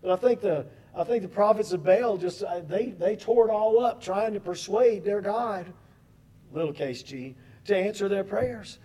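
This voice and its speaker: High-voiced man preaching a sermon. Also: moderate pace, dark tone. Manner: chatty asides between readings; addresses the congregation as folks. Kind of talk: sermon with scripture reading.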